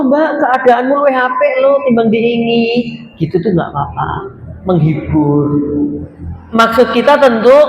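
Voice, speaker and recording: A man with a Javanese accent gives a lively sermon in a high, bright-edged voice, joking and slipping into little acted dialogues. The sound rings around an echoey hall over a steady hiss of noise. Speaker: preacher at a women's religious study group. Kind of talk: lively sermon to a live audience.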